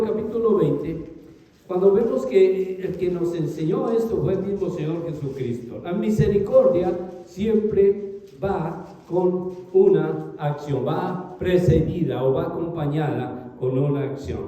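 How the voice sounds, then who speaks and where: A man preaching a sermon to his congregation, reading scripture aloud and swinging between raised calls and low, trailing phrases. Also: warm tone, far from the mic. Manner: addresses congregation as brothers, reads scripture aloud. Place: large echoey hall. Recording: very echoey hall, long reverb.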